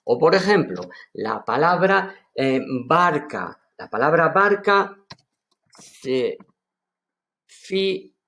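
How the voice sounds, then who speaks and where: An Andalusian man gives an online language lesson in a somewhat high, very animated voice. He speaks at an unhurried pace, lingering on words and repeating them slowly. His enthusiasm comes through as he explains. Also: gravelly. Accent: Andalusian Spanish. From Seville, Spain. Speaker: Aramaic teacher.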